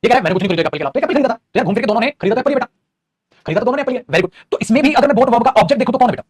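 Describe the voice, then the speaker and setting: A man teaching English grammar in an animated lecture, teasing his students and acting out their questions. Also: very high-pitched, racing, husky. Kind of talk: energetic classroom lecture.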